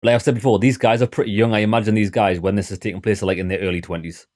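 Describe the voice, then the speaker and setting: A man's voice: on the low side, flat delivery, rapid-fire, a little mellow. A man giving casual live gameplay commentary as a streamer, with dry, wry asides. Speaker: game streamer.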